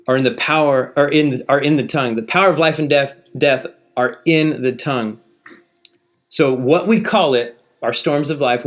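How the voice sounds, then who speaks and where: A man delivering a sermon in a relaxed, conversational manner. His voice sits at an ordinary middle pitch. He reads scripture aloud and often checks in with his listeners through rhetorical questions. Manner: casual, conversational preaching with many rhetorical questions.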